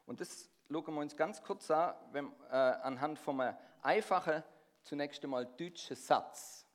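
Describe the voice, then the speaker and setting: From the Stuttgart region, a middle-aged man preaches in a Swabian accent flavoured with Swiss German. His voice is on the high side and his pace unhurried, and he keeps the congregation involved by asking them questions.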